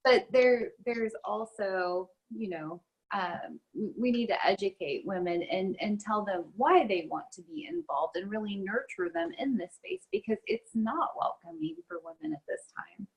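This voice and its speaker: A woman's voice: mid-range voice, animated, normal speed, vocal fry, breathy edge, poor audio. A woman guest in a casual interview, chatting with frequent ums and uhs. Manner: talks with many ums and uhs.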